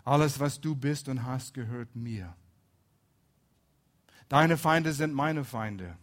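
Male preacher, storytelling sermon, mid-pitched, soft-to-loud emphasis. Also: slow pace.

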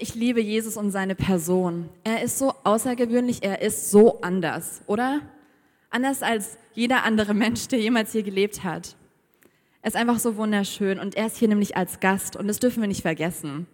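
A woman preaches a sermon, relaxed and conversational, with bits of humor and questions tossed to the listeners. Her voice carries through a church with a long, ringing reverb. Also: medium pitch, normal speed.

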